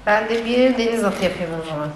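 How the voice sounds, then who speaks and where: A woman's voice: fairly high pitch, fast talker. A woman, a mother in a family vlog, chatting playfully with her children at home. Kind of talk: casual family chat. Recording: echoey room with background noise.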